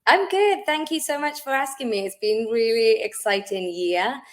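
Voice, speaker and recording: A woman with a Welsh accent from South Wales, founder of a wellness business, is a guest in a casual interview. She talks in a friendly, chatty way with frequent ums, using a fairly high voice at a moderate pace.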